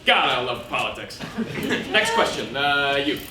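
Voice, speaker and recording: An actor playing a wry debate moderator with a dry, announcer-like delivery in a staged comedy reading. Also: male voice, medium pitch, very animated, a little slow. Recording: echoey stage, distant mic, loud noise.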